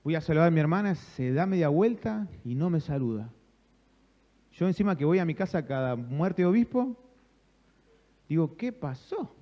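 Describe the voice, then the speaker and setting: A man's voice: on the high side, expressive, moderate pace, long pauses, long reverb tail, lo-fi sound. A male pastor with a Rioplatense Spanish accent preaching a sermon, calling on the congregation to answer and acting out conversations. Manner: preaching with call-and-response, acting out dialogues. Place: church sanctuary.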